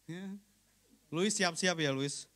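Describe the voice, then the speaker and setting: A pastor delivers a relaxed, chatty sermon in a noticeably high voice. He talks straight to the congregation, jokes with them, and briefly acts out everyday exchanges to make his points. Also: slow pace. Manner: conversational, joking, keeps addressing the congregation.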